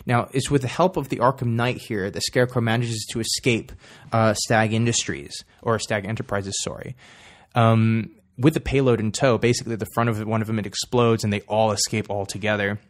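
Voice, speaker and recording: A man's voice: fairly low pitch, fairly even intonation, brisk. A young man hosting a podcast, chatting through a story recap with enthusiasm, frequent fillers and some swearing. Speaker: podcast host.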